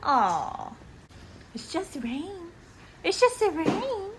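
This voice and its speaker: A woman's voice: very high-pitched, sing-song, very slow. A woman talking to her dog in playful, teasing questions, casually, as in a home pet video. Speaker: pet owner filming own dog. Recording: noisy home recording.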